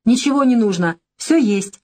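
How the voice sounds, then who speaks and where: Brief: female reader voicing a bright, quick-witted young woman, teasing and direct, pitched up. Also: animated. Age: young adult. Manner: brisk, teasing, bright lilt. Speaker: audiobook character. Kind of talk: audiobook dialogue reading.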